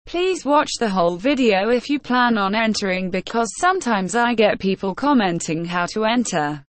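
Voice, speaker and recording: A woman's text-to-speech voice reading a scripted giveaway announcement as a gaming channel host, flat and synthetic. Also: medium pitch, moderate pace, no echo.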